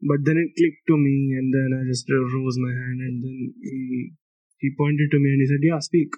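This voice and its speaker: A man's voice: mid-range voice, little pitch movement, normal speed, dark tone, no echo, dull audio. Young guy from india rambling on his podcast, laughs at himself a lot, dry close mic. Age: young adult. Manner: rambling, self-mocking, laughs often, swears. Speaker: podcast host. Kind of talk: casual solo podcast monologue.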